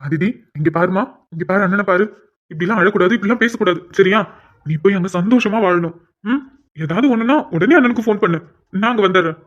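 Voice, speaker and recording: A man voicing a gentle, protective older brother who soothes his tearful sister in a cartoon. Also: high voice, fast talker, highs cut off. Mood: soothing. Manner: soothing, reassuring. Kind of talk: Tamil cartoon voice acting.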